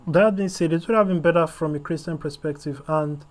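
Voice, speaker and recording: A man's voice: fairly high pitch, brisk. A male host giving an opinionated series review, rambling with many fillers and blunt opinions.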